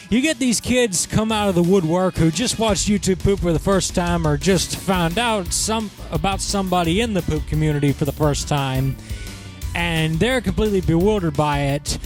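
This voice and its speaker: A young man hosting a sarcastic commentary on a video, mocking and quick with asides. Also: high-pitched. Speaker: commentary host.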